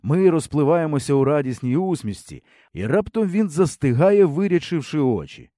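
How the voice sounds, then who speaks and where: A man reading a storybook aloud with expressive, comic storytelling. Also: fairly high pitch, normal speed, no echo, clean studio sound. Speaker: audiobook reader. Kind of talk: scripted storybook narration.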